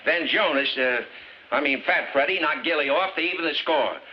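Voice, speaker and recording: An actor playing a gruff, sarcastic veteran police captain, an older man trading screwball comedy banter in a 1950s film. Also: a little high, moderate pace, natural voice. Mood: wry. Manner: wisecracking, gruff, slangy. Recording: dull, noisy 1950s film soundtrack.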